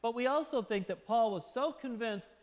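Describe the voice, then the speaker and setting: High-voiced man preaching in an echoing hall. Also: lively intonation, normal speed. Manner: informal, storytelling, acts out quotes in voices. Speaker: pastor. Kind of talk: conversational sermon.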